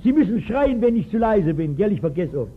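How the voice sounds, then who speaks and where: A high-sitting, slightly rough male voice with big pitch swings and a brisk pace. He's a pastor in his sixties, emphatically telling a Bible story in a sermon and often putting questions to his listeners, captured on a tinny 1960s recording.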